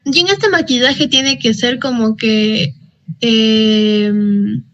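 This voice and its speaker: A woman's voice: on the high side, drawn-out words, a bit bright. A woman student asking questions in a makeup class, hesitant and searching for words. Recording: dull lo-fi sound.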